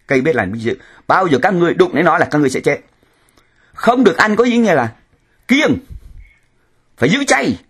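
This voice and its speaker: Man, priest preaching a sermon, husky, lively swooping pitch, emphatic rhetorical questions.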